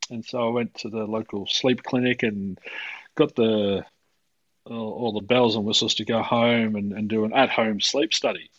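A man's voice: lowish voice, highs cut off. An Australian man, a podcast co-host, telling a rambling, laid-back story in casual chat.

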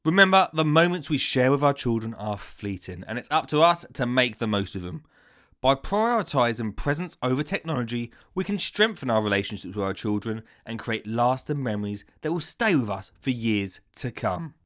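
A man's voice: medium pitch, very animated, normal speed, fairly bright tone. Upbeat male podcast host. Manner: upbeat and chatty with scattered ums. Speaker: podcast host, gardening educator. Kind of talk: casual podcast chat.

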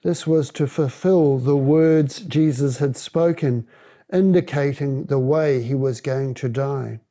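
A man reading scripture aloud in a measured, deliberate way. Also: mid-range voice, warm tone. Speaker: reader.

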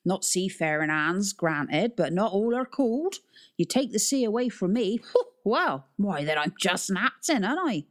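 A woman's voice: medium pitch, big pitch swings, a little slow, pitched above the performer's own voice. A woman voicing a drunken old male sea captain who drops his h's and rambles with chuckles. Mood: jovial.

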